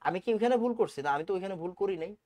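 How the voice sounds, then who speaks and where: A man's voice: sits high, animated, racing, a little mellow. A man teaching a chemistry exam-prep lecture, drilling terms by repetition and answering his own questions.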